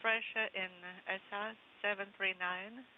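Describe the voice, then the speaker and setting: A woman interpreting on a spacecraft radio link, giving clipped, measured procedural readbacks. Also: mid-range voice, steady tone. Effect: radio comms link from a spacecraft. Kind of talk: terse radio callouts. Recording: narrow, hissy radio channel.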